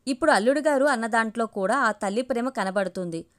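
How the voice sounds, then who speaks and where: A woman reading the lines of a middle-aged mother who soothes her daughter while gently needling her husband. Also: a little high, fast talker, close to an everyday voice. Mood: wry.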